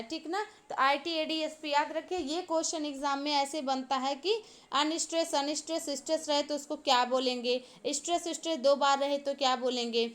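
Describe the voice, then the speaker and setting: A woman's voice: high voice, a bit bright. A woman teacher giving an exam-prep lecture, explaining each point step by step, repeating key terms and asking the class to answer.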